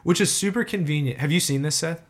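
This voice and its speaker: A man's voice: on the high side, quick pace. Rambling man in casual chat. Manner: rambling, constantly saying "like". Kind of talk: casual discussion.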